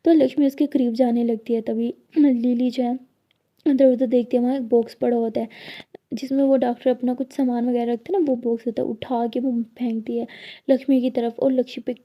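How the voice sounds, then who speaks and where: A woman's voice: a little high, little pitch movement, brisk, highs cut off. A woman casually narrating a romance story, acting out each character's lines in turn.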